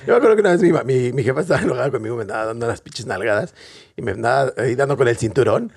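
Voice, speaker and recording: A Mexican man trading crude jokes in a casual podcast chat. His voice is husky and moves a lot in pitch. He teases the others constantly. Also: expressive, rapid-fire, a little mellow. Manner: joking, crude banter.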